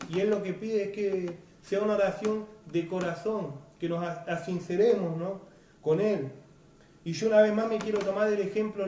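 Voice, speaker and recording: A male preacher, giving an earnest, unhurried sermon that keeps asking "right?". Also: sits high, a little mellow. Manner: earnest, unhurried, frequent "right?" tag questions. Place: church hall. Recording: echoey hall, distant mic, faint noise.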